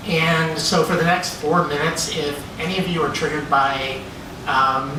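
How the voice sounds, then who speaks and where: A raw, intense spoken-word reading with plenty of cursing, at a middle pitch. The voice sits far back from the mic in a very echoey bookstore room. Steady background noise runs under it. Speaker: reader at a bookstore event.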